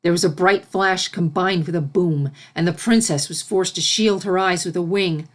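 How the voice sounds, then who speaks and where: A woman with a fairly low voice narrates a fantasy fan fiction story from a script, keeping a moderate pace.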